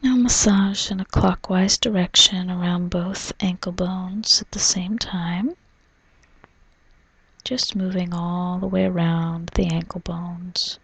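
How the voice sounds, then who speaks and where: A woman doing an ASMR role-play as a spa massage therapist, in a soft, soothing, breathy soft voice, narrating gently. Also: fairly low pitch, flat delivery, takes it slowly, no room sound. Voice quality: breathy, mostly unvoiced soft voice. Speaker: reflexologist giving a foot massage.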